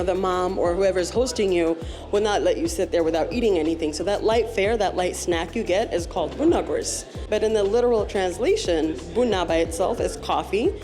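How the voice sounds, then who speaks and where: A woman from Ethiopia who owns a cafe, earnestly explaining her concept in an interview. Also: medium pitch. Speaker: cafe owner. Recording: talking over clear background music.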